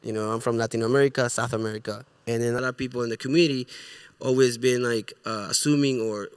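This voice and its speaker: A man's voice: mid-range voice, fairly even intonation, fast, clear, resonant tone, dry recording, studio quality. A middle-aged man from Ecuador with a Spanish accent, a guest in a casual interview, speaking earnestly and searching for his words. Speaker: guest, music producer and artist.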